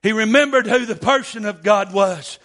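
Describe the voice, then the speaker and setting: A preacher man with a very high, bright, ringing voice. He stammers through his sermon, filling every pause with "uh" and "amen". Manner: stammering, punctuated by frequent amens.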